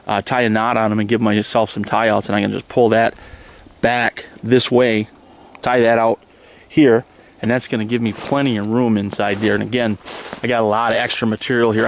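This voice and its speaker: A man in his forties, relaxed and rambling with many ums and uhs, talking casually about camping in the snowy woods to a camera mic. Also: fairly low pitch, slight background noise. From Michigan, USA. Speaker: outdoor vlogger. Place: snowy woods outdoors, under a tarp shelter.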